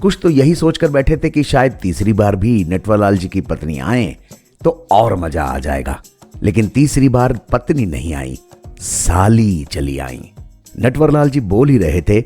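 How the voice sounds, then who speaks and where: A man's voice: lowish voice, big pitch swings, measured pace, dark tone, slightly rough, soft background music. A man narrating a humorous story in a wry, storytelling manner. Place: home setup.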